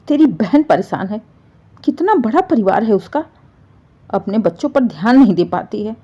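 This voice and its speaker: A domineering older mother-in-law, shrill and scolding, her voice leaping up high in outrage, as a woman reads her. The tone underneath stays mellow, and the recording sounds slightly dull and lo-fi. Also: slightly rough, heavily acted. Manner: shrill, scolding, rises sharply.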